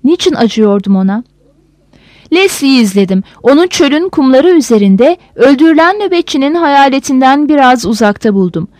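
A woman reading a novel aloud as a narrator with expressive storytelling. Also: sits high, moderate pace, no echo. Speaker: audiobook narrator. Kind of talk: scripted narration.

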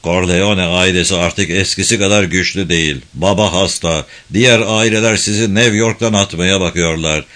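A man's voice: sits low, fairly even intonation, normal speed, few pauses, fairly bright tone. A man reading the lines of a hot-tempered casino boss who blusters angrily. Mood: resentful, threatening. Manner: angry and blustering.

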